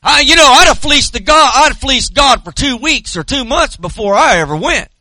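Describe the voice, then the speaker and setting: Casting: male preacher, forties, Southern US accent, very high forceful voice, folksy storytelling sermon delivery. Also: lively intonation, normal speed, dry recording. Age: 40s.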